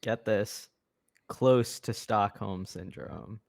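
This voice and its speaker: Slow-talking teasing male co-host. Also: lowish voice, fairly even intonation, gravelly, a little mellow. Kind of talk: casual podcast chat.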